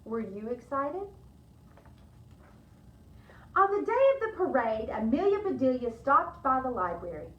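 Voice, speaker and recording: A woman's voice: high voice, unhurried, long pauses. A woman librarian reading a story aloud to children at story time, asking her listeners questions along the way. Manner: animated, asks listeners questions. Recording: echoey room, dull sound.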